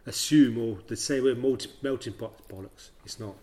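A man's voice: mid-range voice, moderate pace, darkish tone. A middle-aged man from Leicester, a writer chatting bluntly as an interview guest and telling stories with lots of "you know what I mean". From Leicester, England. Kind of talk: casual storytelling chat.

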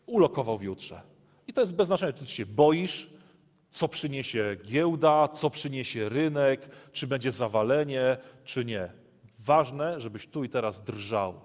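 A man's voice: mid-range voice, a little mellow. A man preaching a sermon as pastor, emphatic and punctuating his points with calls of "Amen?" to the congregation. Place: church hall. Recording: long hall reverb.

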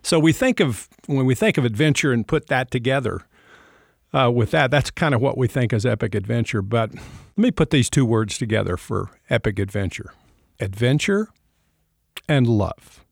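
A male podcast host who affirms his guest warmly and tells long, rambling stories about faith. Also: mid-range voice, lively intonation, moderate pace, creaky, slightly rough, no room sound, studio quality. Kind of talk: reflective faith conversation.

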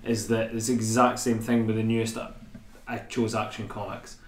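A man's voice: on the low side, little pitch movement, moderate pace, slight background noise. Sweary man in a roomy room. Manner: blunt, sweary, exasperated. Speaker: podcast co-host. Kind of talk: casual chat.

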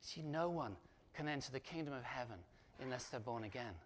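A middle-aged pastor preaching a sermon in a conversational, animated way, full of asides and rhetorical questions. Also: male voice, mid-range voice, brisk, slight background noise.

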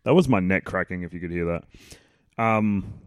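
A man's voice: low-pitched, moderate pace, clean tone, no room sound, clean studio sound. A man hosting a podcast, chatting casually in a joking, playful, rambling way while he watches a film. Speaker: podcast host. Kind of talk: casual chat.

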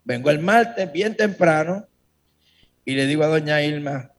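Speaking straight to a congregation, a man gives a lively religious testimony about his own story. His voice sits a little high, and he talks a little slowly.

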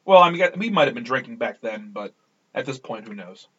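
A man's voice: medium pitch, expressive, brisk, a bit bright, husky. A man co-hosting a podcast with casual, bantering talk, on a lo-fi recording. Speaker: podcast co-host. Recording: dull, tinny lo-fi podcast recording.

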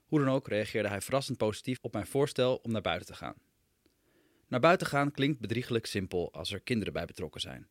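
A man's voice: fairly low pitch, lively intonation, a little fast, dry recording. A man, a writer, reading aloud his own humorous personal essay with dry, wry storytelling.

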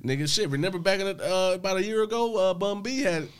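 A man's voice: high-pitched, fast talker, clear, resonant tone. Rambling, profane man telling stories. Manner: loose, rambling storytelling with frequent fillers and profanity. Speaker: podcast co-host. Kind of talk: casual chat.

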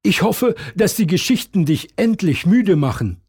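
A man's voice: high-pitched, expressive, measured pace, darkish tone, husky, pitched above the performer's own voice, full character voice. A man voicing a patient, good-humoured merman father who is used to the same bedtime fuss every evening.

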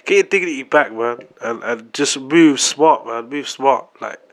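A man's voice: medium pitch, unhurried. A young man with a London roadman accent, bantering casually in slang and repeating phrases for emphasis. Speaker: podcast co-host.

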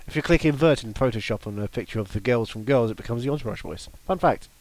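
A man's voice: medium pitch, fast, darkish tone, no echo. A man co-hosting a podcast, joking and riffing in casual chat. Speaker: podcast co-host.

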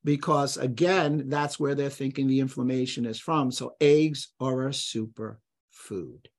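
A man's voice: mid-range voice, unhurried. A man speaking as a guest on a podcast, explaining food and health in an emphatic, blunt, lecturing way. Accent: none, trained out of New York accent. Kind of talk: conversational podcast interview.

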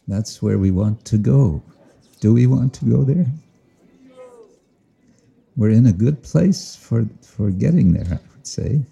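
A man giving a slow, reflective devotional talk outdoors to listeners, often chuckling and explaining Sanskrit and Bengali terms. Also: on the low side, creaky, mellow, slightly rough. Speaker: spiritual teacher. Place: outdoors with listeners, sun overhead.

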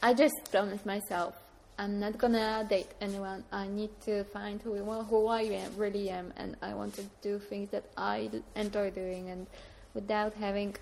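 Against the din of a train station, this guest talks in a creaky, darkish mid-range voice at normal speed, keeping a level tone with few pauses. She's a young woman from Poland whose accent carries a British tinge, and her casual chat is thoughtful, with rambling restarts.

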